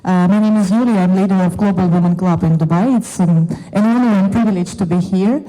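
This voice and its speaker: A woman with a Russian accent asking a panel a long question from the audience, halting and searching for words. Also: mid-range voice, warm tone. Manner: hesitant, halting non-native phrasing. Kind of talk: question from the floor. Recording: echoey event hall.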